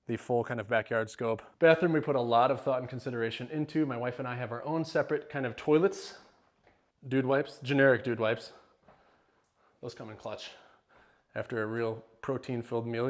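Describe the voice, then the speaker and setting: A middle-aged man, joking and rambling as he walks viewers through his home, sometimes out of breath. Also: medium pitch. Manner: joking, rambling, self-deprecating. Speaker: homeowner giving a house tour. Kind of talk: casual house tour vlog. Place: large house, indoors, walking between rooms.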